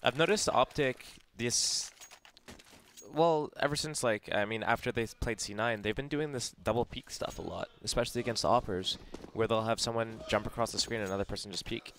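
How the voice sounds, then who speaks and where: A man's voice: mid-range voice, brisk, fairly bright tone, a little hiss or hum. A man on an esports broadcast, teasing his co-hosts and explaining team tactics. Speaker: esports analyst. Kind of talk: casual chat and game analysis.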